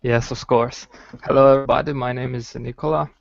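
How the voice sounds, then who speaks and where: A man's voice: mid-range voice, fairly even intonation, a little fast, creaky. A man from Croatia, a colleague of the host, greeting everyone briefly and politely. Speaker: guest colleague. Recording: dull, dry online call audio.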